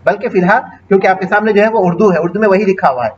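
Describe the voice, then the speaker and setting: A man's voice: high-pitched, dull audio, a little hiss or hum. A man teaching an Arabic grammar class online, patiently explaining and reciting verb forms with their translations.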